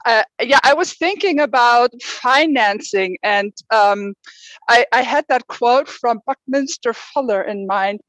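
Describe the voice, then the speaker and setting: A woman's voice: on the high side, unhurried, fairly bright tone, no echo. A woman on a video call with her camera off, talking hesitantly and searching for words. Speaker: workshop participant. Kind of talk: casual discussion on a video call. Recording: dull dry laptop audio.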